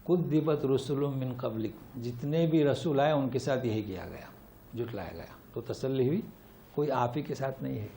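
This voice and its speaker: A middle-aged man giving a Quran commentary lesson, animated, rising and dropping sharply for emphasis, reciting Arabic slowly. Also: medium pitch, creaky, slight background noise. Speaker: Quran teacher. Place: lecture hall.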